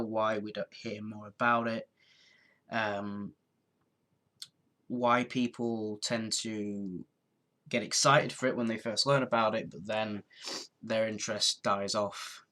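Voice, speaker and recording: Congested and worn out from a head cold, a twenty-something man rambles on a live stream in casual chat, often starting sentences over. His voice is fairly low-pitched with a sharp tone.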